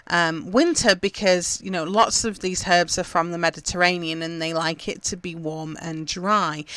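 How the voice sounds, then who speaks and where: A woman's voice: fairly low pitch, bright, forceful tone, smooth, no echo. A woman from England hosting a gardening podcast, chatting casually with lots of fillers as she gives upbeat tips. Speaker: podcast host.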